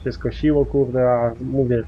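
A man's voice: mid-range voice, little pitch movement, unhurried, muffled recording, a little hiss or hum. A man giving rambling, casual commentary while playing a farming game, full of mild swearing fillers. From Poland. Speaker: gaming YouTuber.

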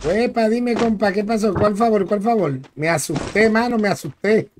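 High-voiced man chatting over game noise. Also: moderate pace. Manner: chatty, greets viewers by name, slangy. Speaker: gaming streamer. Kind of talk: casual live-stream chat while gaming. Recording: clear background noise with clicks.

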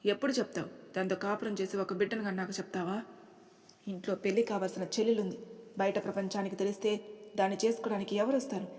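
Woman voicing a shouting angry mother. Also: mid-range voice, steady tone, fast talker, long reverb tail, lightly acted. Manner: shouting, scolding. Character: shrill angry middle-aged mother.

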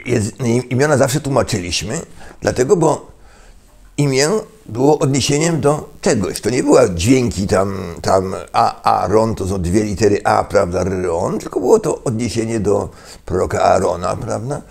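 An older man giving a lecturing monologue, halting with fillers and restarts and tossing in rhetorical questions. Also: lowish voice, expressive, vocal fry, a little mellow. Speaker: political commentator.

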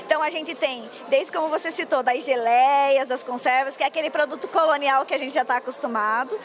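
A woman's voice: high-pitched, brisk. A woman, fluently explaining her work in a live news interview at an indoor fair. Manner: fluent, explanatory, occasional stumbles. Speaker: agro-industry coordinator interviewed. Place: busy indoor food fair. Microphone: handheld reporter mic.

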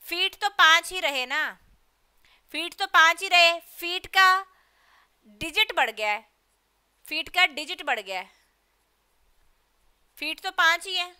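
A woman teaching an English literature class online, quizzing students and pushing them to answer quickly. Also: very high voice, expressive, pushed and bright.

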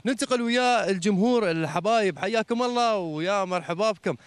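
This male TV host speaks in a high, fast, smooth voice with no room sound. He gives a short religious talk, then chats playfully with children in a mosque courtyard, lively and teasing, in a religious talk and quiz with the audience.

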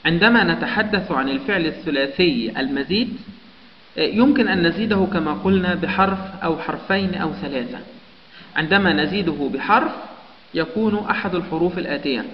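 High-voiced man teaching grammar. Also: a little fast, a little hiss or hum. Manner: explains step by step, lists example words one by one. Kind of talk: Arabic grammar lesson. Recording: echoey, dull lo-fi room recording with long reverb.

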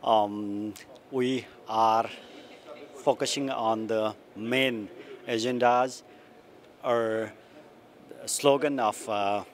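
Man from Nepal, unhurried, hesitant delivery. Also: fairly low pitch, fairly even intonation. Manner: slow, searching for words. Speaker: party representative. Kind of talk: short on-camera statement. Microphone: handheld mic held close.

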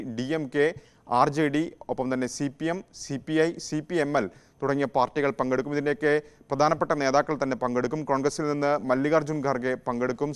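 Male correspondent, 30s, live report, resonant clear tone, steady explainer. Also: mid-range voice. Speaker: news correspondent.

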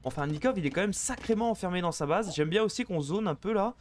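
A man casting a live strategy game match, chatty and excitable, bantering with viewers between plays. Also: sits high, fast. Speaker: esports caster.

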